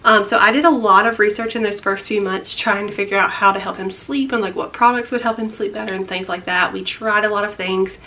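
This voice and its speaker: A woman's voice: medium pitch, steady tone, a little fast, hardly any pauses, bright, forceful tone. A young woman chatting through a casual life update vlog, a little out of breath and rambling with lots of fillers. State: slightly out of breath. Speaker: vlogger.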